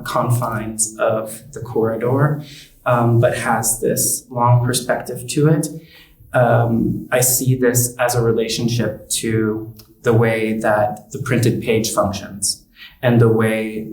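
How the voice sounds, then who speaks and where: Slow, halting man in a roomy space. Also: fairly low pitch. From United States. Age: 30s. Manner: slow, halting, many ums. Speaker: exhibiting artist. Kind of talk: reflective talk about his art. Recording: roomy, distant from the mic.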